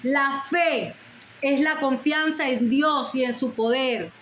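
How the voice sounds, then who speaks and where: A woman's voice: high voice, slow pace, a bit bright, roomy sound, slight background noise. A woman preaching a sermon with fervent, repeated declarations and prayerful pleas.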